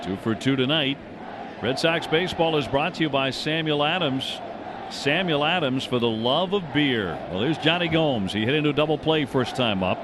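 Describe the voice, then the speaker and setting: A radio announcer with a fairly high, animated voice calls live play-by-play of a baseball game at a normal pace. The broadcast from the ballpark is noisy, filled with stadium ambience.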